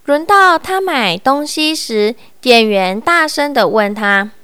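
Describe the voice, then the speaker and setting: A woman reads a children's story aloud in an expressive, sing-song manner. Her voice is high, bright and clear, and she takes an unhurried pace. The sound is dry and close. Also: no room sound.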